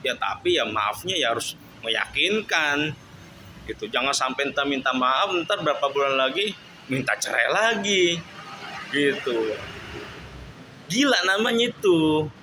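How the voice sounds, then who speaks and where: A man's voice: mid-range voice, expressive, a little slow, background noise. A man telling his side of a marriage dispute in an aggrieved, repetitive monologue. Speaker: husband telling his story. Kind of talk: emotional monologue.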